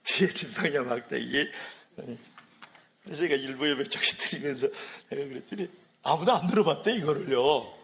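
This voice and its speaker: Animated Korean pastor preaching. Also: male voice, fairly high pitch, a little fast. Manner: animated, with rhetorical questions to the congregation. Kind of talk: sermon.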